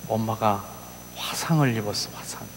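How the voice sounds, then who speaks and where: A man preaching an emotional sermon, telling a story and acting out its voices, moving between soft whispers and loud cries. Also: fairly low pitch, normal speed, long reverb tail, slight background noise. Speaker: pastor. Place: church sanctuary.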